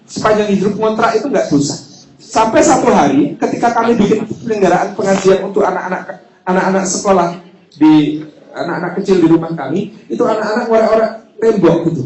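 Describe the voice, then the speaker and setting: Guy preaching w jokes, pretty high voice, echoey hall sound. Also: quick pace. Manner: lively, joking, personal anecdotes. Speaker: Islamic preacher. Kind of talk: humorous sermon storytelling.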